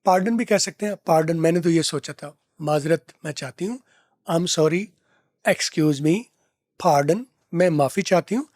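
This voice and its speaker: Man teaching English, slightly high voice, dry close sound, repeats phrases slowly. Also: a little mellow, no room sound. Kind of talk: lesson explaining film dialogue.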